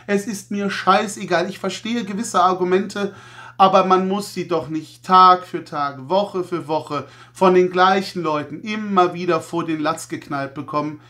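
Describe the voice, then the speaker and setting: A man's voice: high-pitched, sharp tone. A man hosting a toy review channel, talking casually and reflectively to camera and often hesitating. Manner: hesitant, reflective, many fillers.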